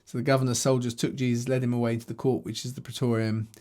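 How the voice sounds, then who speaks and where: A Bible teacher records himself on a video camera, reading scripture aloud and teaching on it conversationally while thinking aloud with restarts. His medium-pitched voice has a darkish tone, a level delivery, and a quick pace.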